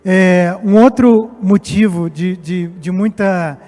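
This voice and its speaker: His voice sits high with a dark tone and a slow pace: a man from Portugal in his late fifties, a company executive appearing as guest speaker. He gives a semi-formal, somewhat hesitant speech on stage at a live event, in an echoey hall with music behind.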